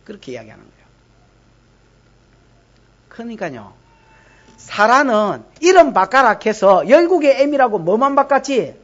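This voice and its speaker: Woman pastor, Gyeongsang accent, expressive sermon delivery, slightly muffled recording. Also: a little high, a little slow, pauses often. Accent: Gyeongsang Korean. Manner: lively, teasing, asks the congregation questions. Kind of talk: expository sermon. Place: church service.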